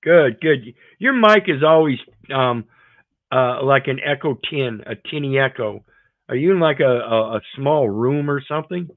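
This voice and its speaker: A man's voice: mid-range voice, lively intonation, moderate pace, dry recording. A man hosting an informal panel discussion, blunt and emphatic, often repeating himself. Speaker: panel host. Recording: narrow phone-like line, dry.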